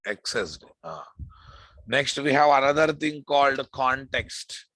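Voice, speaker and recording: A man's voice: mid-range voice, expressive, unhurried, a bit bright, no room sound. A man with an Indian accent giving an informal programming lecture, repeating phrases and addressing his students familiarly. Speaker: programming instructor. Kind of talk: informal live classroom lecture.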